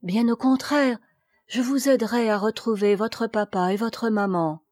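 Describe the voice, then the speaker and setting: A woman voicing a gentle, sad boy who looks like a bear, speaking softly and sorrowfully. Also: a little high, unhurried, no room sound, studio quality. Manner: soft and sorrowful.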